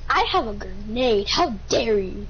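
A woman playing as a teammate in a shooter game, chatting with slow, mock-dramatic outrage. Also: medium pitch, lively intonation. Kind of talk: casual gaming chat. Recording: lo-fi with faint noise.

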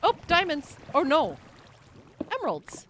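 Cheerful woman co-playing a game, bright voice, lively and bouncy. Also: high voice, slight background noise. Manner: cheerful, quick to gasp and laugh. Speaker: co-player. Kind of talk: casual gameplay chat.

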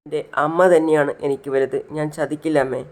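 A man's voice: on the high side, little pitch movement, fairly quick, natural voice. A man playing a remorseful young son pleading with his family in a retold serial. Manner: apologetic, pleading.

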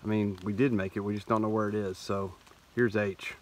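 A man's voice: fairly low pitch, little pitch movement, brisk. A middle-aged man filming himself on a wooded hiking trail, explaining plainly as he walks, with the camera held close. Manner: plain, matter-of-fact explaining while walking. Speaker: hiker filming his trip. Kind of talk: casual trail vlog. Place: outdoors on a leafy forest trail. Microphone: handheld camera close to face.

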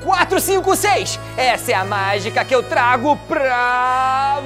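A man's voice: very high voice, takes it slowly. A young man playing an amateur magician in a children's show, announcing his tricks in a showy ringmaster manner. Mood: showy, proud. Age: young adult. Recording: music behind the voice.

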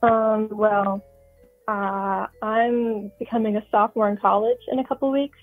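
A woman's voice: mid-range voice, steady tone, measured pace, faint music behind. An eighteen-year-old woman calling in over the phone, chatting casually with plenty of ums and restarts. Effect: heard over the phone. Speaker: caller. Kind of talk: casual chat. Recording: tinny phone line.

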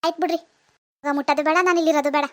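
A woman's voice: high voice, flat delivery, racing, close to an everyday voice. A woman doing a huffy old village granny. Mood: aggrieved. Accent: rural Kannada village dialect. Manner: grumbling, sarcastic village speech. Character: scolding, easily offended old grandmother. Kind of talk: cartoon voice acting.

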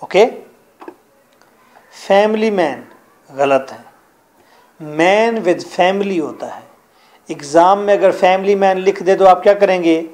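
Pakistani male grammar teacher, high voice, unhurried delivery, quizzes the class as he goes. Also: a little mellow. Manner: drills rules, quizzes students.

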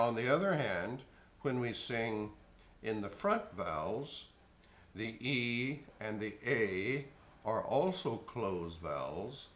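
A man giving a spoken vocal lesson in a slow, measured, instructive way. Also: on the low side, fairly bright tone. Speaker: voice teacher. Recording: echoey room.

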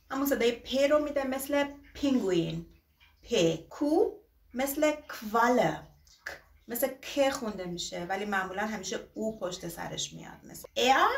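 A woman teaching a beginner alphabet lesson, stretching out each example word slowly between quicker asides. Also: sits high. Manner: slow, drawn-out example words, quick asides. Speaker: German teacher. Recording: roomy echo, distant from mic.

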